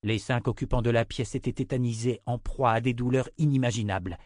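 A man reading a dark fantasy novel aloud, steady and measured. His voice sits at an ordinary middle pitch, and the sound is close and dry, with no room around it. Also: no room sound. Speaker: audiobook narrator. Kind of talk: scripted fantasy narration.

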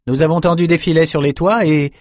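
A man's voice: fairly high pitch, fairly even intonation, fairly quick, darkish tone, no echo, clean studio sound, voice pushed up, lightly acted. A man voicing a proud, boastful noblewoman in a storybook.

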